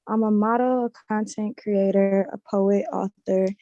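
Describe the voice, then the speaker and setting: A woman from Chicago, a guest content creator on a podcast, talking in a relaxed, chatty way. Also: medium pitch, a little slow, no room sound, dull audio. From Chicago, USA. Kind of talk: casual group interview.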